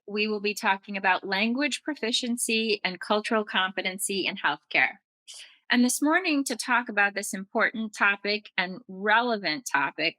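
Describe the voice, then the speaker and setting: A woman's voice: mid-range voice, pushed and bright, no echo, rough recording. A woman hosting a podcast, reading a polished introduction and asking the guest encouraging questions. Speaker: podcast host. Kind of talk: scripted intro and interview questions.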